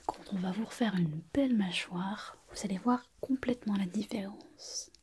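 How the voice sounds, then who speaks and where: A woman playing a calm, attentive surgeon in a whispered role-play, speaking in a soft, breathy, quiet night-time hush with slow, hesitant musing and gentle instructions. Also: medium pitch, slight background noise, close to an everyday voice. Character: calm, attentive surgeon examining a patient's face.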